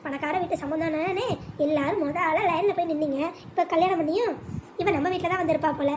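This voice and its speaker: A sharp-tongued sister-in-law in a cartoon story, voiced by a woman, sarcastic and complaining in a very high, fast voice. She mutters barbed remarks. Background noise hums under the track. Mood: grumbling.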